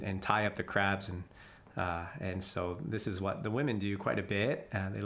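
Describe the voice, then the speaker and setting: A man's voice: on the low side, a bit bright. A man narrating a voice-over about his jungle memories, chuckling often and restarting his sentences. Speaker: vlogger telling jungle memories. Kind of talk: casual storytelling voice-over. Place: voice-over, not recorded in the jungle.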